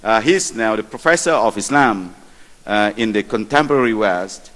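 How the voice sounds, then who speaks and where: Man, conference moderator, low voice, slow and measured, long hall reverb. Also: animated, fairly bright tone. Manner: measured, with light asides. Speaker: session moderator.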